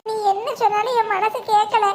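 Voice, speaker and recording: A woman's voice: extremely high pitch, brisk, a crowd in the background. A woman voicing a guilt-ridden young village wife in a cartoon, tearful and pleading. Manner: tearful, self-blaming, pleading. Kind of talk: cartoon voice acting. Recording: steady background noise.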